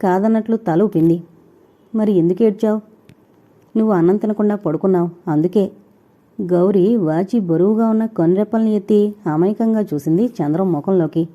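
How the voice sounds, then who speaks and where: A woman narrating a novel in a steady, even storytelling manner. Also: medium pitch, highs cut off. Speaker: audiobook narrator.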